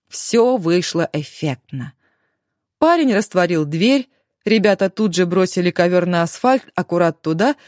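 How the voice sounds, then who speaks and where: A woman narrating an audiobook in lively storytelling style, lifting her voice on key words. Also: on the low side, no room sound, studio quality. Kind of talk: scripted narration.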